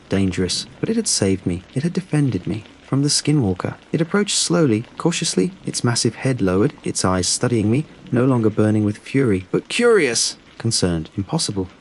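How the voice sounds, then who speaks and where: Low-voiced man narrating a horror story. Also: lively intonation, brisk, a little mellow, a little hiss or hum, poor audio.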